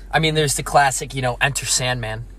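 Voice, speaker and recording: A man's voice: medium pitch, fairly bright tone. A young man co-hosting a podcast, trading crude jokes and laughing a lot. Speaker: podcast co-host. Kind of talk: casual chat.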